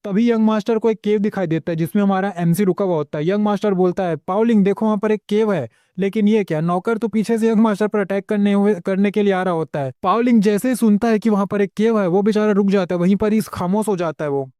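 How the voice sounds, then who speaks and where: A man casually retelling an anime story in a fast, slangy, playful way. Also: high voice, dark tone, clean tone, dry recording. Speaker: anime recap narrator.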